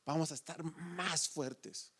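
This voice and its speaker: A man preaching a sermon as presiding elder, animated and asking the congregation rhetorical questions. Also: fairly high pitch, takes it slowly, gravelly. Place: church service.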